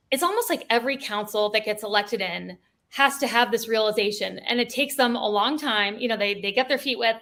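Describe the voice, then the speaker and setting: A woman's voice: on the high side, sharp tone. A woman co-hosting a local-politics podcast, talking casually with frequent "like" and trailing "I don't know.". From United States. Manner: chatty, lots of "like" and "I don't know". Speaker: podcast co-host.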